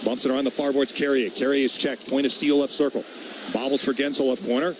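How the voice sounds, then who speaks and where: Naming players as the play unfolds, a male radio commentator calls a hockey game live in brief, clipped phrases. The delivery is flat and quick at a medium pitch, with loud arena noise behind the voice.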